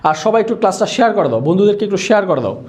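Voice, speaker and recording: A man's voice: sits high, sing-song, racing, a little mellow. A man from Bangladesh, teaching a live online exam-prep lesson and repeating questions to drill answers. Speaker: Bangla teacher for admission exams.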